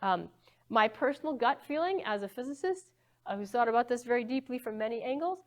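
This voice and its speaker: A woman's voice: a little high, expressive, a little fast. A woman physics professor giving a live lecture in a church hall, talking conversationally and often checking in with the audience. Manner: conversational, asks the audience questions, frequent okays.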